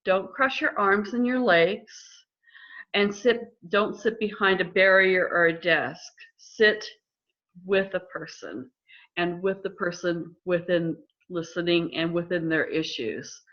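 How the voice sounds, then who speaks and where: A middle-aged woman counselor explaining listening skills in a calm, measured way during a conversation. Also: on the low side. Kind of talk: instructive conversation. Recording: slightly dull lo-fi audio.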